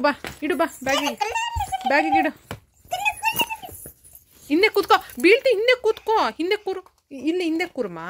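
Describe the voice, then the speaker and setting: Woman with a Kannada accent, high-pitched, sing-song coaxing of a toddler, faint room noise. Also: a bit bright. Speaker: vlogger parent. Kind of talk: casual talk with a toddler. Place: home.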